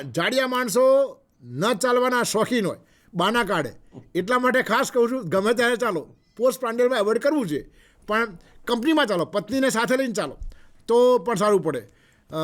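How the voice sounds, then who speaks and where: A man with a Gujarati accent giving a health lecture, unhurried and repetitive, pausing often with fillers. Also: high voice. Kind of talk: health talk mixing Gujarati and English.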